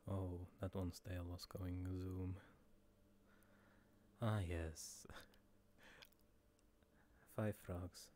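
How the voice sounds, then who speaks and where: A man with a low voice drawls slowly through casual in-character chat. He muses aloud and chuckles softly, unhurried and low. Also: flat delivery, slight background noise. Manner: slow, musing, soft chuckles. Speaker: streamer in a role-play.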